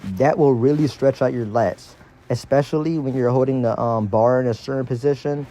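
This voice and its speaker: A man's voice: mid-range voice, normal speed, dark tone. A man giving a casual, slangy exercise tutorial as a fitness instructor, his speech slightly impeded by dental braces.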